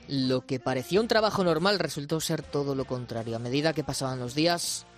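Male radio presenter with a slightly high voice. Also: a little fast, soft background music. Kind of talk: scripted news narration.

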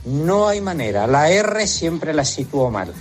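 A man's voice: a little high, big pitch swings, a little slow, faint music behind. A man calling in as a radio listener, admitting a word he can't spell. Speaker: listener caller. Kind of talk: recorded listener message.

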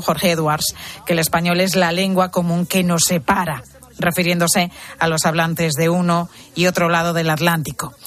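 Lower-voiced woman presenting radio news. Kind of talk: radio news feature narration.

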